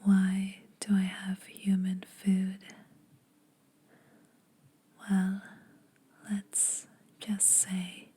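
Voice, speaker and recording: In an ASMR roleplay, a woman plays an ageless female vampire who teases mortals but is secretly kind to them, using an exaggerated voice at medium pitch. Her whisper is very breathy, extremely soft, and dark, delivered intimately and very slowly with little rise and fall. The mood is playful and reassuring.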